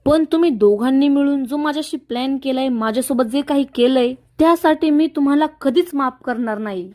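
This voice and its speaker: A woman's voice: fairly quick, lightly acted. A woman voicing an angry, scheming young woman who hurls accusations at the man she was to marry. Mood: furious. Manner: shouting accusations, high and sharp. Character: furious scheming young woman, fiancée betrayed.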